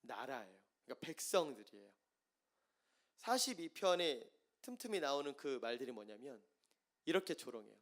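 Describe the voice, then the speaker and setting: A man preaching a sermon as pastor, moving from soft explaining to loud impassioned pleading. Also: medium pitch, sing-song, moderate pace.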